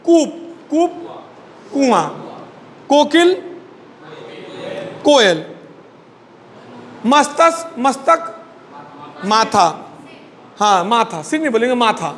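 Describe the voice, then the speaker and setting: A man's voice: very high voice, very animated, drawn-out words, long pauses, fairly bright tone, long reverb tail. A man teaching a Hindi class, drilling word pairs, repeating each word and prompting students to answer. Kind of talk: classroom lesson.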